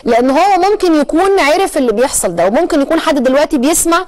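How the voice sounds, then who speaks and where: An Egyptian woman presents a current-affairs programme in a brisk, rapid delivery, her voice sitting a little high. She explains at length, pausing on long drawn-out hesitation sounds before pressing on. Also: lively intonation, darkish tone. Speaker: TV talk show host.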